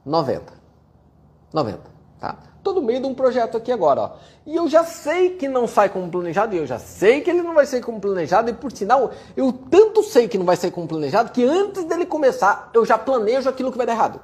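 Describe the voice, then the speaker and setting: A man giving a blunt, profane motivational rant while answering viewer questions, forceful and mocking toward complainers. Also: very high voice, big pitch swings, quick pace, hardly any pauses. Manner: forceful, profane, mocks complainers in whiny voices.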